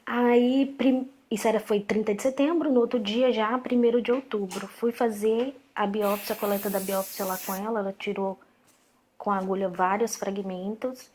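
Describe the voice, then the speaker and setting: This woman in her thirties, a guest with a Brazilian Portuguese accent, shares a personal story in conversation, voicing the dialogue she quotes with animation and repeatedly restarting sentences. Her pitch is medium and her pace moderate, with a faint hiss or hum in the recording.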